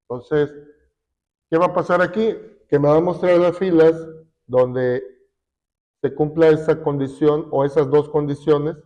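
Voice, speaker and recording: A man teaching a class, slowly explaining a spreadsheet step by step with fillers. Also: on the high side, fairly even intonation. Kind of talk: classroom software lesson. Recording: dull lo-fi recording.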